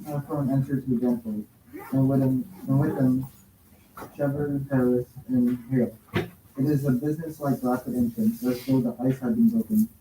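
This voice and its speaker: A man reading stage directions aloud in a classroom, halting and stumbling over words. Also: medium pitch, fairly even intonation, noisy background. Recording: echoey classroom from a distance.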